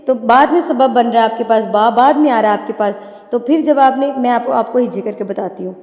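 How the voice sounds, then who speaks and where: A woman teaching Quran tajweed, patiently explaining and spelling words out slowly syllable by syllable. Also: on the high side, darkish tone, echoey room, in a large hall. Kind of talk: tajweed lesson with slow spelled-out recitation.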